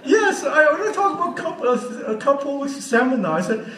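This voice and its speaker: In an echoey church hall, an earnest man in his sixties speaks as a guest, giving an unscripted church teaching talk and asking the audience questions. His very high-pitched voice is sing-song, a little fast, pushed and bright, recorded from a distance with roomy hall sound.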